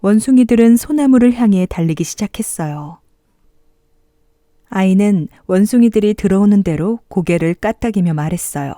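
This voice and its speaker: Mellow woman reading to a toddler. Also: mid-range voice, moderate pace, no echo, studio quality. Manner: reading to a toddler, gentle and expressive. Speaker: storybook narrator. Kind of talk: bedtime fairy tale narration for young children.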